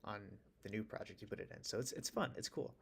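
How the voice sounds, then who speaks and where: Laid-back man with a gravelly morning voice. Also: on the low side, expressive, fast. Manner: rambling, stammering restarts, laid-back. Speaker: music producer streaming. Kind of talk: relaxed live-stream chat. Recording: music playing faintly behind.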